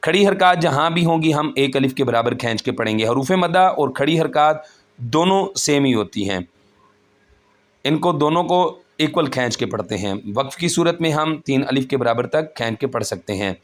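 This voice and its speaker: A man teaching Quran recitation rules, explaining each point slowly and patiently and chanting the verses in a melodic voice. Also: mid-range voice, animated. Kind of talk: tajweed lesson with chanted recitation.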